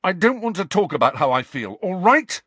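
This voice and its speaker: A man voicing a grieving teenage boy wizard who shouts with his voice shaking in rage. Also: high voice, sing-song, moderate pace, slightly rough, dry recording, voice pushed up, full character voice. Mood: furious.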